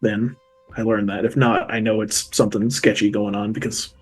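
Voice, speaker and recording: A man's voice: fairly low pitch, little pitch movement, moderate pace, slightly rough. Man playing a tabletop game. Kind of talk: casual in-game chat.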